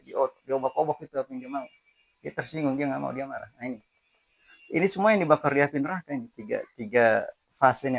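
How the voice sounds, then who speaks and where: A man's voice: mid-range voice, gravelly. A man preaching a religious sermon, emphatic and repetitive, mixing colloquial slang with recited verses. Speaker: Islamic preacher.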